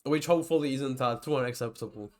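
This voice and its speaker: A young man who speaks Georgian natively gives a loose, casual lecture on typology, restarting often and wandering into digressions. His voice is medium-pitched and darkish, and he talks quickly.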